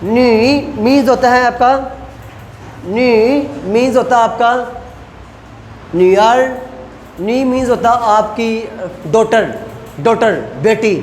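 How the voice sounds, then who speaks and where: A man teaching a language lecture, explaining slowly and repeating each point as he models pronunciations. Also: very high-pitched, echoey room, long reverb tail, a little hiss or hum. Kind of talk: recorded classroom lecture.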